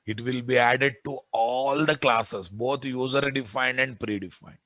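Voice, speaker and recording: A man's voice: medium pitch, steady tone, measured pace, fairly bright tone, dry recording. A man with a Telugu Indian accent giving an informal technical lesson as a programming lecturer, insistent and often putting questions to his students.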